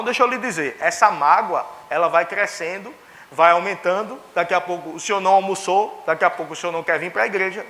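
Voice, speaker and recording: A young man preaches a sermon. His voice sits high and rings with a bright, forceful edge. He tells stories by acting out the dialogue of his family members. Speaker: pastor. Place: church.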